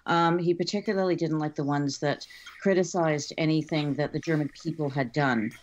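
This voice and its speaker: A woman's voice: low-pitched, moderate pace, a little mellow, a little hiss or hum. A woman guest explains her subject in a loose, conversational interview. Her talk is full of ums and restarts as she works through her points. The audio is a bit dull and lo-fi, as if over a remote call. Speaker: guest expert on art crime.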